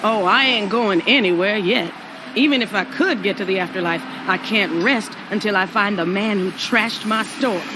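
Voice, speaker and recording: A woman's voice: mid-range voice, moderate pace, background noise, natural voice. A woman playing a sassy, blunt, grudge-holding ghost of an older mother in a cartoon video game. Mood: irritated.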